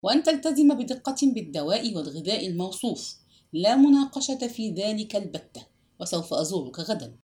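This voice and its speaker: A woman's voice: medium pitch, sing-song, a little fast, dark tone, natural voice. A woman voicing a stern older male doctor in an audiobook, speaking firmly and with command. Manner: firm, commanding.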